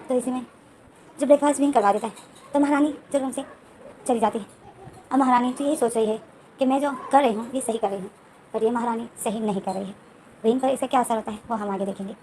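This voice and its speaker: A woman's voice: fairly high pitch, darkish tone, slight background noise, rough recording. A woman casually retelling a romance story scene by scene, with loose, repetitive phrasing and frequent restarts.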